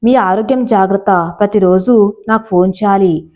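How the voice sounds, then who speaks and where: A woman voicing an anxious, devoted young pregnant wife who speaks softly and pleadingly. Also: medium pitch, moderate pace, lightly acted. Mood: tender. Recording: slightly dull lo-fi audio.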